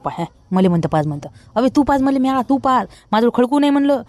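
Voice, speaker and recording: A man's voice: very high voice, very animated, no echo. A man with a Vidarbha Marathi accent playing a broke village man who scolds everyone in a rustic comedy sketch. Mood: scolding. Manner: scolding, rapid and loud.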